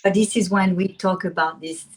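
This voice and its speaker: Talk show guest: middle-aged woman, French accent, low-ish voice, thoughtful and searching for words. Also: fairly even intonation, moderate pace, a little hiss or hum. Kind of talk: casual chat.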